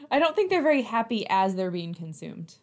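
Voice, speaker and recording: A woman chatting casually during a board game livestream, making brief teasing remarks. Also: a little high.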